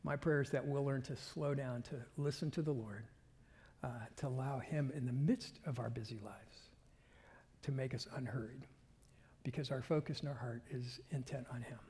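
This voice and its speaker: Pastor guy preaching slow and earnest, kinda husky and mellow, big church reverb. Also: mid-range voice, fairly even intonation. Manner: earnest, breath-paced, sometimes drops to a whisper. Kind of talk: sermon. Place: church sanctuary.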